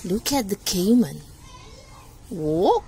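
A woman teacher, reading a picture book aloud to children in English, expressive and patient, with gasps and asides. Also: medium pitch, slow, slight background noise.

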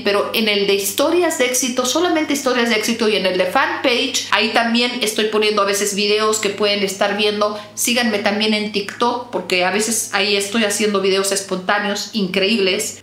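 A woman's voice: a bit bright, reverberant. A woman giving an emphatic, preachy motivational talk to her viewers as a self-help coach. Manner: emphatic, preachy, quick swings in pitch.

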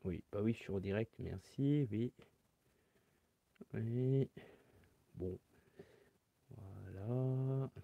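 A man's voice: lowish voice, drawn-out words, vocal fry, long pauses, dry recording, narrow, tinny audio. A man teaching saxophone in a live-stream Q&A, explaining step by step and answering chat comments aloud through his phone.

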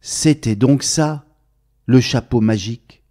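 A man's voice: medium pitch, slow, mellow, close to an everyday voice. A storyteller voicing a simple-minded postman who exclaims in disbelief. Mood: realizing. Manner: exclaiming, incredulous. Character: simple, incredulous male postman.

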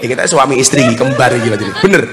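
A man's voice: mid-range voice, animated, very fast, crowd noise. A man with a Javanese accent preaching a comedic sermon, joking and teasing the audience. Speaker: Islamic preacher. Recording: long hall reverb, faint noise.

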